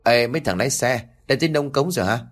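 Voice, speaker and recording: A man's voice: medium pitch, animated, quick pace, pitched above the performer's own voice, natural voice. A man voicing a grumpy, groggy middle-aged male passenger woken from sleep. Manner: gruff, sleepy.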